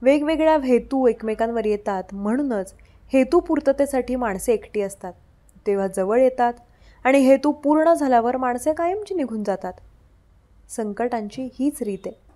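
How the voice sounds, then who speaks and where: A woman reading out scripted devotional messages with a steady, preaching delivery. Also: on the high side, normal speed.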